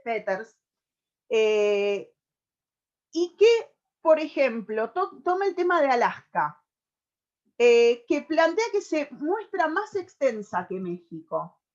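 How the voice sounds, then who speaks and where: An Argentine woman presenting on a radio program, explaining at length and pausing often on fillers as she gathers her thoughts. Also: a little high, dull audio. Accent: Argentine Spanish. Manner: thoughtful, with many hesitations and restarts.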